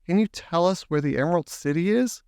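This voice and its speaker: Man playing an earnest young girl, pitched up. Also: brisk, darkish tone, clear, resonant tone, no echo, studio quality, lightly acted. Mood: anxious questioning.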